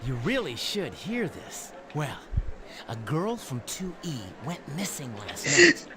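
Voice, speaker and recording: A brash game-dub schoolboy, excitable and full of himself. His voice sits a little high and swings widely, eager to gossip and brag. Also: takes it slowly, heavily acted. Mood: excited gossip. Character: brash cocky teenage schoolboy.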